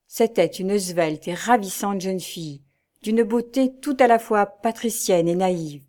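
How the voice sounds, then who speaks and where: A woman reads a classic novel aloud as an audiobook narrator. Her reading is measured and clear. It has an even literary flow. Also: mid-range voice.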